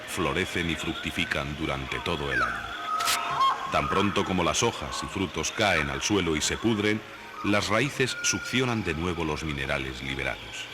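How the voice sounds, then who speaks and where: Very deep-voiced man narrating a nature documentary. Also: noisy background. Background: background music.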